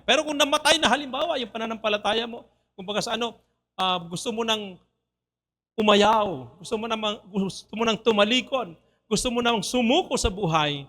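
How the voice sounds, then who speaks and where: High, bright Filipino preacher. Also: male voice. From Philippines. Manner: switches between Tagalog and English, asks the congregation questions. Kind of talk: sermon. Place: church.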